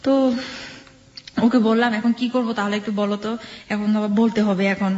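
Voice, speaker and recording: A woman's voice: medium pitch, flat delivery, moderate pace, darkish tone, roomy sound, lo-fi sound. A young woman from Bangladesh telling her own life story as a radio guest, hesitant, with many fillers and repeated phrases. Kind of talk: casual spoken storytelling.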